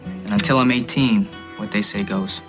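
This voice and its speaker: A man's voice: fairly low pitch, normal speed, music in the background, natural voice. An actor playing a resigned teenage boy. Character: teenage boy facing a custody move. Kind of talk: daytime soap acting.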